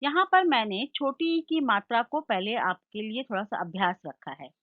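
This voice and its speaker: A woman teacher giving a Hindi lesson, slowly sounding out each word and explaining its meaning. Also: a little high, animated, narrow, tinny audio. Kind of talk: slow classroom lesson with call-and-repeat.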